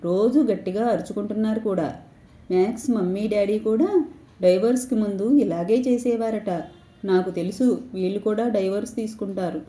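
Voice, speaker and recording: A woman's voice: mid-range voice, normal speed, dark tone, natural voice. A woman voicing a young grandson, clingy and anxious, sobbing and pleading as he talks to his grandmother. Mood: tearful. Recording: echoey room.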